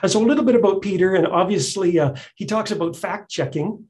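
A man's voice: high voice, fast, a little mellow. A man hosting a live onstage interview, talking conversationally with frequent fillers and restarts. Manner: conversational, hesitant, many fillers. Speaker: event host and interviewer.

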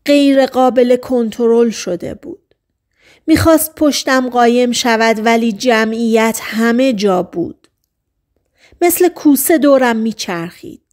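A woman narrating a novel as an audiobook in calm, even storytelling. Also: a little high.

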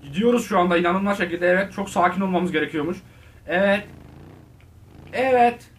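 Excitable young-sounding man commenting on a game. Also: high voice, fairly quick, distant mic. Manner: excitable, talks to viewers, shouts at the game. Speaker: gaming video host. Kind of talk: casual gameplay commentary.

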